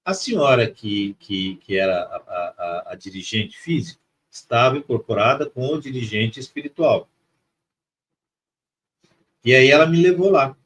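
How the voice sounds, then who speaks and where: A man's voice: medium pitch, animated, unhurried, fairly bright tone. A middle-aged man from Mato Grosso telling a personal spiritual story with feeling, repeating words for emphasis. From Mato Grosso, Brazil. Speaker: guest on a spirituality live stream.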